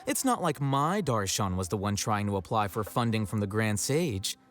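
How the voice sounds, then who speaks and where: Calm snarky scholar guy from a game, dry teasing, voice rises and dips a lot. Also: on the low side, moderate pace, soft background music. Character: cool, sardonic young male scribe. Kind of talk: video game voice acting.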